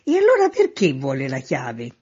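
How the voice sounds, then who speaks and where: A woman voicing a confused man who calls down from a high window. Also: wildly swooping pitch, normal speed, darkish tone, breathy edge, lo-fi sound, heavily acted. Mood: calling down. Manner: calling out from a distance, increasingly bewildered.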